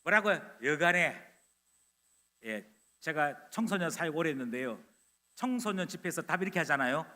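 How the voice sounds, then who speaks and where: A man preaching a sermon loudly and energetically, acting out little scenes of dialogue. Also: a little high, brisk. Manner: animated, loud, acting out dialogue. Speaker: pastor. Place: church sanctuary. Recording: long church hall reverb.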